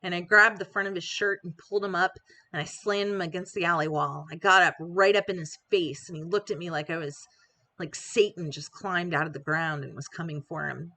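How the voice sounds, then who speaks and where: A woman's voice: fairly low pitch, fairly even intonation, brisk, bright, forceful tone. A woman reading an interactive story aloud in the first person, with casual, conversational narration full of fillers.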